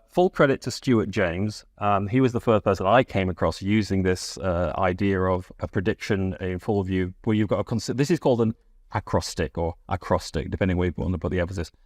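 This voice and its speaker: A man explaining a mentalism card routine in a relaxed, wry way, with asides. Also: on the low side, no echo, clean studio sound. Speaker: magic instructor. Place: London studio.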